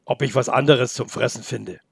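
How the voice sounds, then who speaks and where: A man voicing a calm, curious male wolf with a rough, gravelly voice, speaking slowly in a storybook reading. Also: mid-range voice, dry recording, studio quality.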